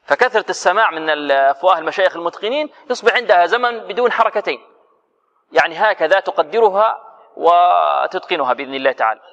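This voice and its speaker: A man teaching Quran recitation to a class, his voice sitting a little high. He keeps asking the students questions, answers them himself, and demonstrates the sounds. The recording is muffled and lo-fi, with a long hall echo. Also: expressive, fast talker, fairly bright tone. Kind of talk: tajweed lesson to students.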